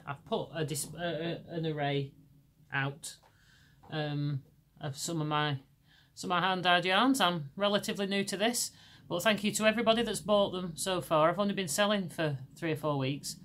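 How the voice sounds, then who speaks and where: In a casual podcast chat, a middle-aged Lancashire-accented Englishwoman speaks at a moderate pace with a fairly bright tone, and there's slight background noise. Her deep voice is hoarse from lingering laryngitis, and she rambles, often starting over.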